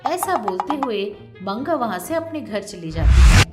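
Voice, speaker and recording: A woman narrating a cartoon story in an even, storybook manner, with music under her. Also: medium pitch, a little slow.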